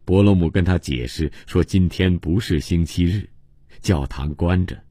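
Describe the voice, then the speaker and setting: An audiobook narrator with a low voice reads a translated novel for radio in a measured, even storytelling style. He is close on a studio microphone with no room sound.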